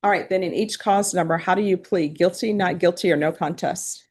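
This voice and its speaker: A woman judge putting formal, measured legal questions, heard in a courtroom recording. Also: lowish voice, a little mellow. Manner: measured, reads legal questions in set wording.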